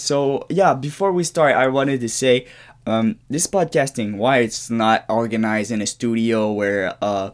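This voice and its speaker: A medium-pitched Québécois man in his early twenties, French being his mother tongue, hosts his own podcast in English. Recording an unscripted solo monologue in his shared-apartment bedroom, he rambles casually, restarting and swearing.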